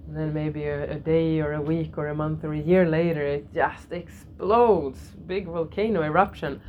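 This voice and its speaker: A middle-aged woman teaching a yoga lesson in a gentle way, repeating key phrases and laughing softly now and then. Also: deep voice, steady tone, moderate pace, phone-quality sound, slight background noise. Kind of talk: spiritual lesson to a class.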